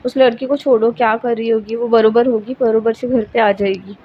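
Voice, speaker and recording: A woman's voice: fairly high pitch, steady tone, moderate pace, natural voice. A woman reading as Neha, an impatient colleague. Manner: hurrying, nagging. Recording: dull lo-fi with faint hiss.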